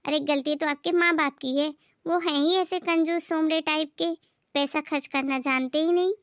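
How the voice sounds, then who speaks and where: A woman voicing a snobbish young sister-in-law who mocks and taunts in a slow, drawling way. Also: high voice, steady tone, no echo, close to an everyday voice. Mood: mocking.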